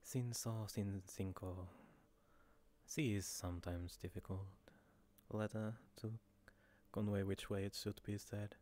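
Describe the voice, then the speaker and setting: A man with a low voice drawls slowly through casual in-character chat. He muses aloud and chuckles softly, unhurried and low. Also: flat delivery, a little hiss or hum. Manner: slow, musing, soft chuckles. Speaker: streamer in a role-play.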